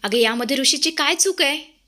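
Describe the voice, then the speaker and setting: A woman's voice: sits high, lively intonation, moderate pace, sharp tone. A woman voicing a stern, pleading middle-aged father who reproaches his wife in a narrated TV-serial recap. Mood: reproachful. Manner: reproachful, insistent.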